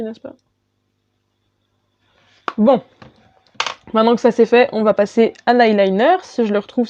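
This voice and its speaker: Woman beauty vlogger, fairly high, mellow dry voice, chatty step-by-step tutorial, slightly dull recording. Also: no echo. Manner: chatty, talks through each step. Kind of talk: makeup tutorial voice-over.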